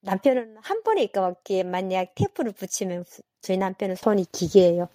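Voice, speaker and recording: A woman from North Korea with a North Korean accent, telling her own story in a casual interview in a halting, unpolished, colloquial way. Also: medium pitch, sing-song, mellow, dry recording.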